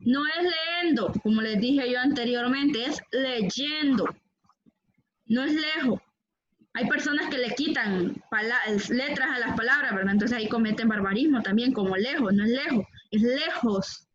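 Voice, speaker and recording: A woman teacher leads an online Spanish grammar lesson for her class, patiently repeating words and checking in with "¿verdad?". Her slightly high, somewhat bright voice moves briskly with hardly any pauses, and the recording is dull and lo-fi.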